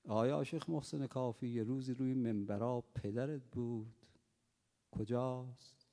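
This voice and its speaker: A man preaching a sermon, telling stories and moving from soft speech to loud emphatic cries, in a reverberant hall. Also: medium pitch, fairly even intonation. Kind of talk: sermon with storytelling.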